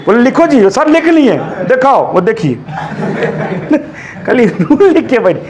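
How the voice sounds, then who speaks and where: A man's voice: very high-pitched, sing-song, takes it slowly, crowd noise. A man teaching an English grammar class in a classroom, in a chatty, joking way, often checking whether the students follow. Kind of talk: classroom lesson.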